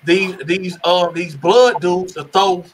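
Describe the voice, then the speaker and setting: A man's voice: sits high, fairly even intonation, slow, low-quality recording. A man casually telling his own story in an interview, rambling and restarting his sentences. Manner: rambling, restarts and repeats words.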